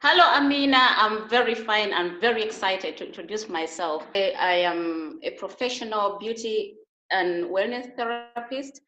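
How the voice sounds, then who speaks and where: A woman's voice: mid-range voice, pushed and bright. Earnest Ugandan-born woman, roomy sound. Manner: earnest, halting with frequent restarts. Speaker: interview guest, beauty and wellness therapist. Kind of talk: conversational interview. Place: Germany. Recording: roomy echo.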